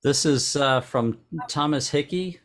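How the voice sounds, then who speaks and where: A man presenting club entries and giving halting photo critiques with many restarts. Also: a little high.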